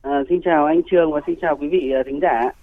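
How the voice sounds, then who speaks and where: A man answering as a radio interview guest, hesitant and pausing between phrases, over a narrow phone-like line. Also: on the high side. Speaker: guest music producer and songwriter.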